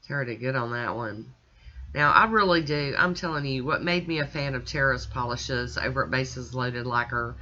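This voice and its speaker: A woman's voice: rumbling low, bright, forceful tone, highs cut off. A woman chatting casually as she talks the viewer through her nail art, step by step. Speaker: nail art channel host.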